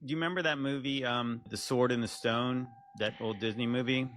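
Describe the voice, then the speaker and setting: A man's voice: mid-range voice, steady tone, a little fast, fairly bright tone. A man in casual podcast-style conversation. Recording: noisy background ambience.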